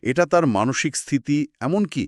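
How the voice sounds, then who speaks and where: A man co-hosts a scripted history talk, recorded close and dry with no room sound. His pitch swings widely as he explains events in short, clipped clauses. Now and then he turns a point into a musing question. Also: expressive, normal speed, darkish tone, dry recording. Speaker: co-host. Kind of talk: scripted two-host history chat.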